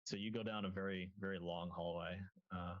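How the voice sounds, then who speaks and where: A man runs a tabletop game as its game master, describing scenes in a fairly low voice. He gropes for words and restarts often, and the sound is dull and lo-fi, like an online call. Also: fairly even intonation. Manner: halting, many ums and restarts.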